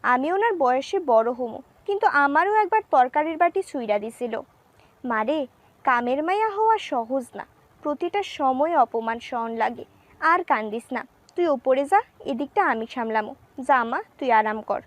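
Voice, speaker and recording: Actress as motherly older servant woman, high voice, dry. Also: expressive, moderate pace, dry recording. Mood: consoling. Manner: soothing, consoling. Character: older female house servant, kind and motherly.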